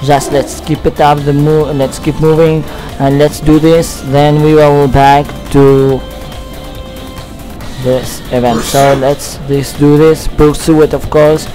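A young man from Tunisia, English not his first language, giving excitable live gameplay commentary with halting phrasing and swearing. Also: a little high, low-quality recording. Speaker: let's player. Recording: loud game music behind. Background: racing game music.

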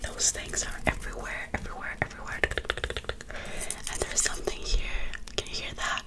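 A woman in her twenties doing a whispered ASMR role-play up close, repeating words in short soothing bursts. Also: a little fast. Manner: whispering throughout. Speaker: ASMR performer playing a personal face-care attendant. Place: small dim bedroom, indoors. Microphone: close in front of her.

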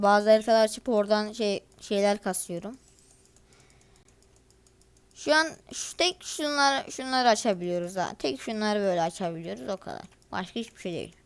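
With a clear, resonant, medium-pitched voice, a teenage girl narrates her gameplay for her channel. Her commentary is casual, talkative and grumbling, and she turns to her viewers directly in frustration.

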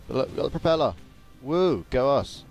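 This gaming video creator is a young man with a mid-range, darkish voice marked by vocal fry, speaking briskly and with animation. His let's play commentary is casual, chatty, and jokey, set against game music, game sounds, and doubled game audio.

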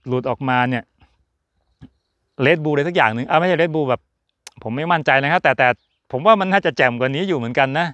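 A man's voice: a little high, fairly quick, long pauses, a bit bright, dry recording, dull audio. A man hosting a casual chatty motorsport talk, joking and rambling with fillers as he talks to his viewers. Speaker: F1 channel host. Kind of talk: casual chat to camera.

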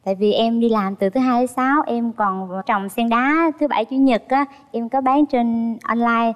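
A woman's voice: on the high side, fairly even intonation, moderate pace, highs cut off. A woman from Phan Thiet, a dating show contestant, chatty and a little nervous. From Phan Thiet, Vietnam. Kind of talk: casual conversation. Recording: reverberant TV studio with music.

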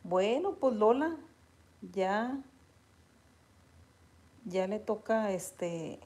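Mexican woman, casual vlog chat with viewers, unhurried delivery, soft warm tone. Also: mid-range voice. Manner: chatty, animated retelling, laughs often. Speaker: vlogger reading viewer comments.

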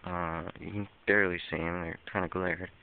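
A man casually narrating a walkthrough of a dark empty store, hesitant and full of ums, easily spooked. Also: low voice, flat delivery, moderate pace, vocal fry. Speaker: vlogger exploring an abandoned store. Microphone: handheld camera mic. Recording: tinny lo-fi camera audio with faint hiss.

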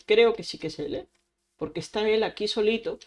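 A woman's voice: mid-range voice, fairly quick, darkish tone. A woman, streaming Minecraft casually, chatting to herself and making little sound effects as she plays. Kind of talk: casual Minecraft let's play.

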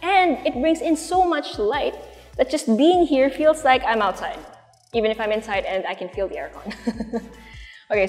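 Walking through big, empty rooms, a young woman with a Filipino accent presents a house tour in a chatty, conversational style. Her voice sits a little high with a darkish tone, the room's long reverb is audible, and music plays in the background.

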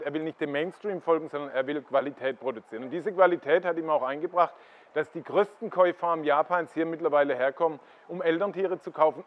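A middle-aged man with a slightly raised voice talks his way through a greenhouse full of koi ponds. He keeps steering the listener toward one fish after another and explains what makes each one good. The sound is a bit dull and lo-fi. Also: a little high. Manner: explanatory, pointing viewers to fish. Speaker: koi dealer giving a farm tour. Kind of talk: walking tour commentary.

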